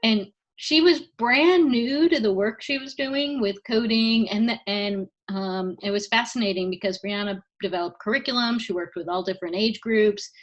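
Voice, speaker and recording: A woman's voice: mid-range voice, lo-fi sound. A woman introducing a guest on a video call, enthusiastic and joking at her own expense. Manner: enthusiastic, self-teasing. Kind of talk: casual video call talk.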